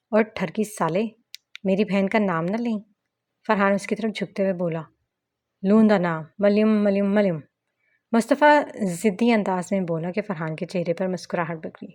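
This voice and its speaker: A woman reading a romance novel aloud in steady storytelling narration. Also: medium pitch.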